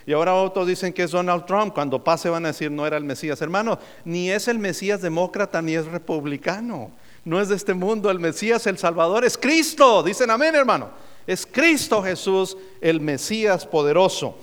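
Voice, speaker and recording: A man's voice: sits high, fairly quick, clean tone. A man preaching a sermon as a pastor, calling on the congregation for answers and adding joking asides. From United States. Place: church sanctuary. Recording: long hall reverb.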